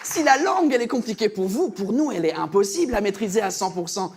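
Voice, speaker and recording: A man from England performing a stand-up comedy set, animated and mocking, laughing at his own jokes. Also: high-pitched, fast, a faint crowd.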